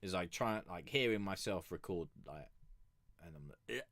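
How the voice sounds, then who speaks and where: An animated man with a low voice and fairly bright tone reviews music on a stream at a moderate pace, in dry, studio-quality sound. He keeps his voice consciously pushed above its natural depth and chats casually, rambling with many fillers, restarts and the odd swear word.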